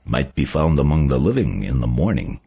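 A man's voice: a bass voice, sing-song, moderate pace, vocal fry, mellow, breathy edge, pitched below the performer's own voice, exaggerated voice. A man voicing a weary, terse older male homicide detective in a storybook reading. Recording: dull lo-fi audio.

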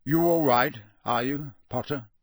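A man voicing a gruff, intense old professor in an audiobook, growling out stern, emphatic warnings. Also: medium pitch, measured pace, no echo, close to an everyday voice. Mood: gentler, gruff. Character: gruff old battle-scarred male professor, intense and commanding. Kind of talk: audiobook character voice.

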